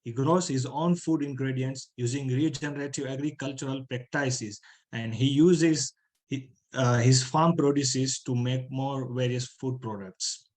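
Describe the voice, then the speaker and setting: A man's voice: medium pitch, fairly even intonation, measured pace, a little mellow, rough recording. A man hosting an online talk, formal in his welcomes and hesitant in places. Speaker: host.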